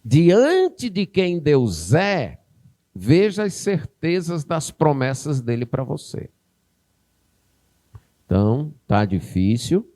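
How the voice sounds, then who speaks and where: A man's voice: fairly high pitch, big pitch swings, slow, mellow. A man with a Northeastern Brazilian accent, a pastor preaching a sermon, who acts out a parent and child in a raised voice.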